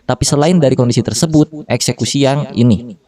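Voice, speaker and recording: Fast-talking man teaching code casually. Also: mid-range voice, mellow, recorded from a distance. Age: 30s. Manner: slangy Jakarta-style casual talk with fillers and self-corrections. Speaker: programming tutor. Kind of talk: casual screen-recorded coding tutorial.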